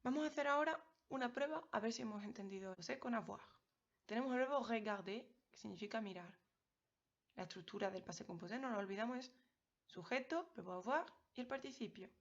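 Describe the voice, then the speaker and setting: A woman's voice: fairly high pitch, lively intonation, fast. Patient woman teaching a grammar lesson. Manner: clear, patient, addresses students directly. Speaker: French teacher. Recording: slightly dull lo-fi audio.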